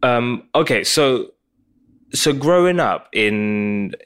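A man's voice: medium pitch, expressive, takes it slowly, a bit bright, smooth. A man, a comedian guest telling stories animatedly and joking in a casual interview. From Pakistan, raised in England.

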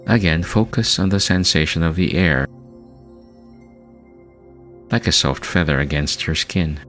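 A man with an extremely deep voice guides a meditation in a soft, soothing, spa-like hush. He speaks very slowly and leaves long, calming pauses between phrases. Gentle New-age music plays behind him.

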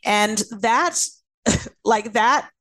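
A woman hosting a podcast interview, animated and quick to laugh. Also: a little high, poor audio. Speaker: podcast host. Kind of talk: casual interview.

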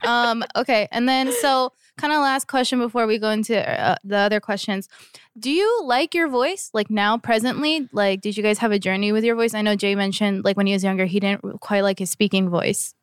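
Female podcast host, casual and friendly, laughs easily, smooth clean voice, dry close mic. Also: mid-range voice, brisk, no room sound. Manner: friendly questions, laughs often. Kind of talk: casual interview chat.

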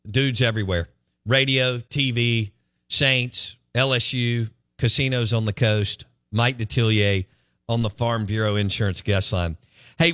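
A man's voice: mid-range voice, a bit bright, no room sound, clean studio sound. Folksy man hosting sports radio. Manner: quick, folksy banter. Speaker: radio sports show host. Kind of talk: casual sports talk radio.

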